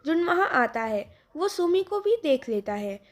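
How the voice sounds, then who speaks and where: A woman narrating a dramatic story in a plain, steady way. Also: high voice, measured pace.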